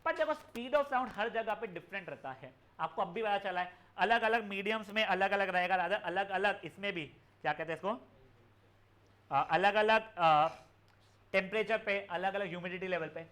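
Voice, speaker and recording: A young man teaches physics to students in an online class. His voice sits high and sounds bright. He explains in a chatty mix of Hindi and English and calls the students "beta". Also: normal speed. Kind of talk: live online class lecture.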